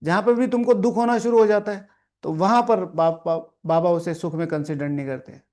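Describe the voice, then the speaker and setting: High-voiced man giving a stern class sermon. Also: fairly even intonation, moderate pace, darkish tone. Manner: scolding asides and repeated lines, asking the room questions; often adds "theek hai" as a check-in. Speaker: spiritual teacher reading and explaining the daily lesson. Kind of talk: sermon with explanation to a seated class. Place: meditation hall with a live audience.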